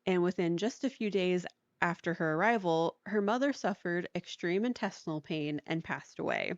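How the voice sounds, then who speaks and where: Chatty woman podcast host, slightly low voice. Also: expressive, moderate pace, no echo. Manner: chatty, lots of "like", laughs often. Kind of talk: casual storytelling chat. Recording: dry, dull lo-fi sound.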